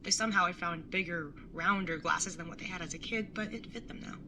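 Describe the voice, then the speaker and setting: A young woman with a lowish, brisk voice, lightly acted over a noisy background, narrates and leads a casual audio drama in first person. She plays a caring, slightly awkward older sibling in her early twenties, tattooed and teasing, and her mood is wry and reflective.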